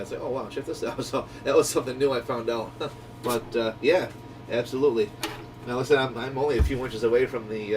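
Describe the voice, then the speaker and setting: A radio shop owner hosts a walkie-talkie group channel, his lowish voice picked up from a distance over a noisy background. He explains things in a folksy, easygoing way, like casual instructional chat.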